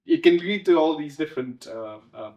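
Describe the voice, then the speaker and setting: A man, a playwright, talking in an interview in a thoughtful, halting way, often restarting and laughing softly. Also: fairly high pitch, lively intonation, lo-fi sound. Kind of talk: conversational interview. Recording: roomy echo.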